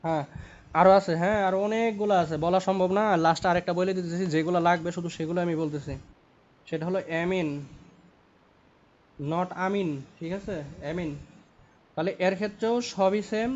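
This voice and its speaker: A man's voice: high-pitched, darkish tone. A young man teaching chemistry, repeating points and checking in with tag questions. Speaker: chemistry tutor. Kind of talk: lecture at a whiteboard. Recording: dull lo-fi recording.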